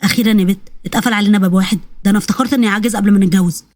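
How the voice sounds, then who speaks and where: A woman's voice: mid-range voice, steady tone, racing, darkish tone, no echo, voice pushed down, lightly acted. A woman doing a lovestruck Egyptian groom. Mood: playful. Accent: Egyptian Arabic.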